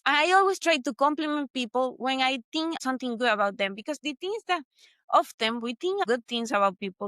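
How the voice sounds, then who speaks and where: In a high-pitched, slightly bright voice with no room sound, a Venezuelan woman with a Venezuelan Spanish accent hosts a podcast. Her solo motivational talk is earnest and reflective, and she repeats key points for emphasis.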